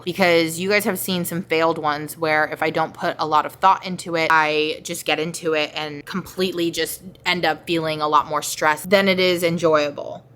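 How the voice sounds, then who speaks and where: A thirty-year-old woman chatting through a Q&A vlog, candid and open, with lots of "like" in her talk. Her voice sits a bit low but sounds bright and forceful. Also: a little hiss or hum. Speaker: vlogger answering viewer questions. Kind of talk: casual Q&A vlog.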